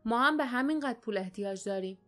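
Woman narrator doing a small, fierce young heroine, scornful and sharp, voice pitched high. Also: expressive, faint music behind. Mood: scheming.

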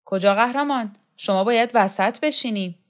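A woman reading a story aloud, voicing a bossy, energetic woman who is loud and insistent as she orders people into their places. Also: fairly high pitch, pitched above the performer's own voice, lightly acted. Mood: commanding. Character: bossy, energetic middle-aged woman organizing everyone.

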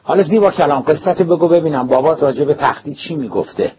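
A man voicing a stern male geometry teacher who presses a pupil firmly while calming the principal, recorded dull and lo-fi. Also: a little high, breathy edge, voice pushed up. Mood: pressing. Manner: firm, pressing, mediating. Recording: dull lo-fi recording, faint hiss.

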